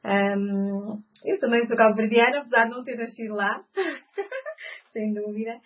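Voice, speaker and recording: A woman's voice: on the high side, unhurried. Hesitant Portuguese woman, muffled sound. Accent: European Portuguese. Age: 30s. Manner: hesitant, frequent fillers. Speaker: guest, co-founder. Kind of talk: interview answers. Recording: slightly muffled recording.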